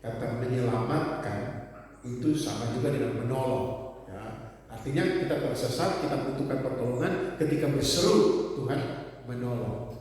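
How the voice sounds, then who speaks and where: A man's voice: medium pitch, moderate pace, a little mellow. A man preaching a sermon as a pastor, with emphatic delivery and acted-out voices of people in his stories. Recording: echoey hall, far from the mic.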